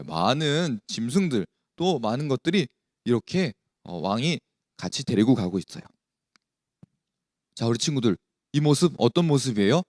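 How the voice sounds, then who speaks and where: A man's voice: fairly high pitch, no echo, studio quality. A man leading a children's worship service, telling a Bible story and asking the children questions. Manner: animated, asks the children questions.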